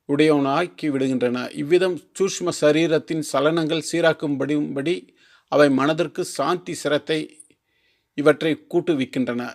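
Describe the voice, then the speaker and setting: A man reading a formal religious text aloud, slow and careful, sometimes restarting long words. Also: a little high. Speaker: teacher.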